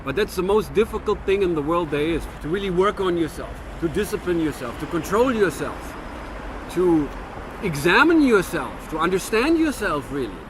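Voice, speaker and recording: Speaking in a high-pitched, sing-song voice at normal speed over a noisy background, a vlogger in his fifties from Germany reflects earnestly to camera. His German-American accent colors the monologue, which he often restarts.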